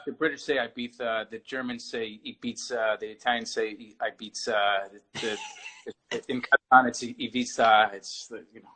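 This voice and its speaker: A man's voice: medium pitch, fairly even intonation, brisk, noisy background. A man, an artist, talking casually as a guest on a video-call interview, rambling and often restarting his phrases.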